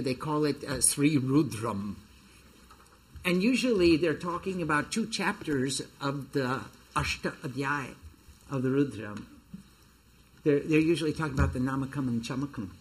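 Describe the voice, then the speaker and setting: A man with a somewhat high voice guides listeners through a scripture reading, setting each invocation out slowly and evenly. Between the verses he drops into plain explanation of the terms, like a teacher addressing a small class. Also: expressive. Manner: slow, measured recitation of invocations. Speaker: spiritual teacher leading a reading. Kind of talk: reading scripture translation with commentary.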